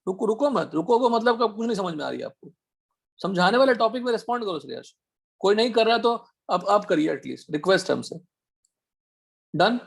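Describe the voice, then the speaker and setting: A man teaching an online chemistry class, firing quick questions at his students to check they follow. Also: sits high, sing-song, gravelly, breathy edge. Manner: quizzing students with rapid questions. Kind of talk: online chemistry class, Hindi mixed with English.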